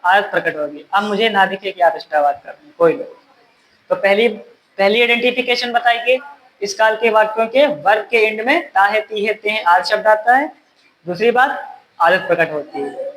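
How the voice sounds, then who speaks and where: Male classroom teacher who keeps firing questions at his students and scolds them gently, a bit of faint noise in the room. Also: sits high, normal speed, low-quality recording. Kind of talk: classroom grammar lesson.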